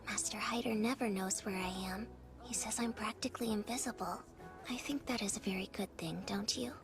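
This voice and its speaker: A woman voicing a shy, gently proud young girl pupil in a fantasy cartoon, soft and breathy. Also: medium pitch, fairly quick, music in the background, natural voice. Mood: gently pleased.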